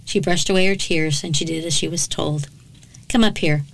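A woman's voice: deep voice, fairly even intonation, a little fast, vocal fry, fairly bright tone, rough recording. A woman hosting a true crime podcast, telling a case dramatically and breaking off for blunt, sarcastic comments. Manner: dramatic narration broken by sarcastic, blunt asides.

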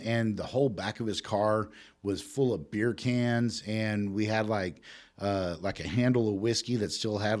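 A man's voice: lowish voice, a little mellow. A middle-aged man, telling a rambling, profane story in casual talk. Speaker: podcast guest.

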